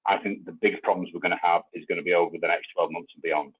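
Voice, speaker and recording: A man's voice: deep voice, steady tone, fast talker, husky. A man speaking as a panelist in an online webinar, thoughtful and hedging with frequent ums and restarts. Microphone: video call. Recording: tinny phone-like line.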